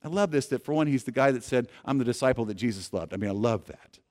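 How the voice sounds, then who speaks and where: A man preaching a sermon, earnestly leading his congregation and often restarting his phrases, swinging from loud emphasis to soft low endings. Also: expressive, quick pace. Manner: earnest preaching, asks congregation to repeat lines aloud; frequent restarts and repeated words. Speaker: pastor.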